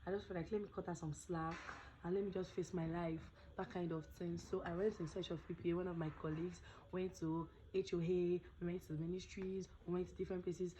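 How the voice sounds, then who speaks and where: A woman's voice: on the low side, level tone, a little fast, warm tone, slight background noise, rough recording. A young Nigerian woman vlogging casually, chatting with pidgin phrases, her voice not fully recovered. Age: young adult. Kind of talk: casual storytelling vlog.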